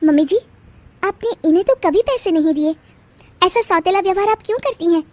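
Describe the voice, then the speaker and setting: एक महिला द्वारा निभाई तेज़-तर्रार, बहस करने वाली नई बहू. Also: female voice. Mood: defiant. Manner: sharp, sarcastic retorts, high and fast. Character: feisty young wife, quick to argue back. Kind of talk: storybook voice acting.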